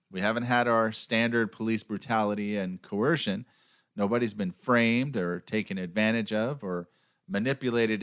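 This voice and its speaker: Hosting a true-crime podcast, this man from the United States speaks in a fairly low voice with a slightly bright edge, delivering his scripted narration sarcastically and deadpan in between the banter.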